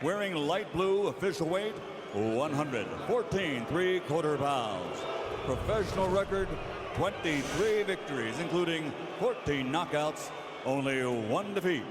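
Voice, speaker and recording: A man announcing in the ring like a lucha libre announcer, grandly shouting introductions and stretching out names. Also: on the high side, animated, unhurried. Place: large indoor boxing arena. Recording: arena PA amid loud crowd noise.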